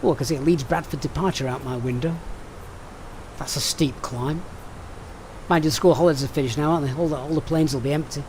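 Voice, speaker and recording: On a live stream, a man from Sheffield, England, with a Sheffield English accent methodically briefs a flight and chats with viewers between steps. His voice is fairly high, slightly mellow and quick, and there's a little hiss or hum.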